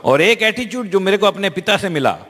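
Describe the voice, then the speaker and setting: High-voiced male interpreter in a hall. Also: animated, brisk, fairly bright tone. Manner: fluent, conversational, with small restarts. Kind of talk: live consecutive interpreting. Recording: long hall reverb.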